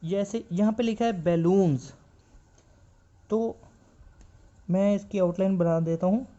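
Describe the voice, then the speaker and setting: Man, shorthand teacher, patient, repetitive explaining, warm mellow voice, muffled lo-fi sound. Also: high voice. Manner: patient, repeats each point several times; reads English textbook lines slowly. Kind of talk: classroom explanation.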